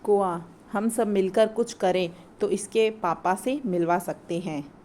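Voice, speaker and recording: A woman's voice: mid-range voice, a little slow, darkish tone, a little hiss or hum, lightly acted. A woman reading the part of a clever, helpful crow from a children's play, in a plain reading voice. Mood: planning. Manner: read aloud plainly from the play.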